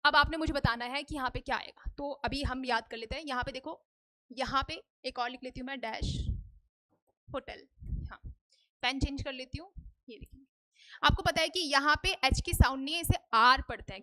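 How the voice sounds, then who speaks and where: तेज़ ऊँची आवाज़ वाली शिक्षिका. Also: female voice, high-pitched, pushed and bright. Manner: asks students questions and answers them herself, repeats "ठीक है?". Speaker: English teacher. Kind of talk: Hindi-English grammar lesson. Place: classroom.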